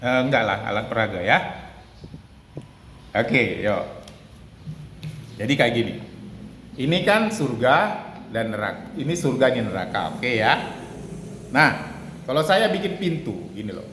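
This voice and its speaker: A man's voice: mid-range voice, big pitch swings, unhurried, long pauses, a bit bright, a little hiss or hum. Man preaching in an echoey room. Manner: conversational, repeats phrases, acts out quoted lines. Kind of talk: casual sermon with a hand-drawn illustration. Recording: echoey room with long reverb, faint ambience.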